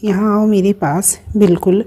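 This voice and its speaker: A woman voicing a gravely ill mother in an audio story, speaking softly and pleading through tears. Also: medium pitch, fairly even intonation, moderate pace, natural voice. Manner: soft, tearful pleading.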